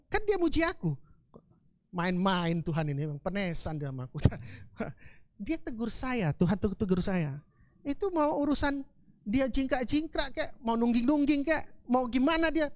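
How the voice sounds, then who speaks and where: A woman with a Palembang accent preaching a sermon in a colloquial, animated storytelling way. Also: on the high side, no echo. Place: church service.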